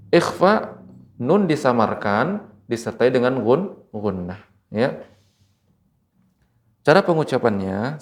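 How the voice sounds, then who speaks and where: A man from Indonesia teaching Quran recitation rules on television, speaking slowly and patiently and repeating each example word. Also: mid-range voice, darkish tone. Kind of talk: televised tajwid lesson. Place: TV studio.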